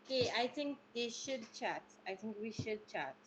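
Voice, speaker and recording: A woman's voice: on the high side, animated, normal speed, slight background noise, rough recording. A woman playing a tabletop game, speaking in a hesitant, questioning way. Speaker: player.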